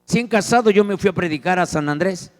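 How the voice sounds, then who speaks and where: A man with a Mexican Spanish accent preaching a sermon as pastor, telling a story dramatically and swinging from loud to hushed. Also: high-pitched, fast. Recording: long church hall reverb.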